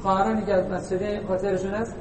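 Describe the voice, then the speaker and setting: A male preacher gives an informal religious lesson to a congregation, chatty and teasing, joking and asking rhetorical questions. His voice sits high with a level tone. It's recorded in an echoey hall from a distant mic, with faint noise.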